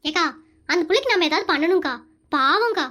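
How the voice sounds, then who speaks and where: Performer doing a very high, squeaky village woman, rapid, exclaiming, cartoon comedy. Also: expressive, bright, forceful tone, full character voice. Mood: indignant. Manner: fast, exclaiming, keeps calling the other akka. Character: chatty village woman, caring and indignant. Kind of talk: animated comedy dialogue.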